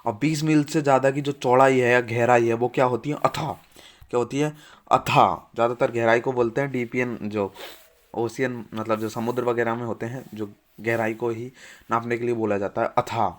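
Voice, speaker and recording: A man's voice: medium pitch, fairly even intonation, moderate pace. Hindi-speaking male vocab teacher, repetitive. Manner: repeats each word and asks quiz-style questions. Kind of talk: vocabulary lesson.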